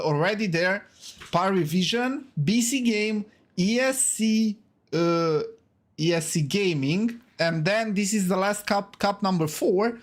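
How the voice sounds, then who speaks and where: A high-pitched Romanian man with a Romanian accent casts and hosts a solo live esports stream, hyping up his audience. He chats with viewers, repeats himself, and keeps throwing in "okay?" and "guys".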